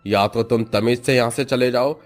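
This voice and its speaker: A man's voice: mid-range voice, steady tone, moderate pace, voice pushed up, lightly acted. A man voicing a scheming office manager who mockingly gloats over his boss. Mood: gloating. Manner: mocking, taunting laughter.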